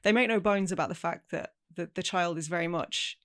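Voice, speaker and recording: A woman's voice: on the low side, fairly quick, fairly bright tone. Chatty woman on a movie podcast. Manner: chatty, thoughtful, laughs easily. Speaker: podcast co-host. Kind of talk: casual chat.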